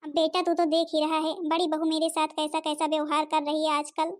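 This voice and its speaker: A woman's voice: high-pitched, monotone, a little fast, natural voice. A woman voicing a fretful, self-pitying old mother-in-law in a cartoon, complaining plaintively. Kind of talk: Hindi cartoon voice acting.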